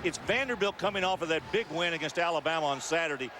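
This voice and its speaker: Fast-talking male basketball color commentator. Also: a little high. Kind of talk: conversational sports analysis. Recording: loud basketball arena noise behind. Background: gym crowd ambience and bouncing basketball.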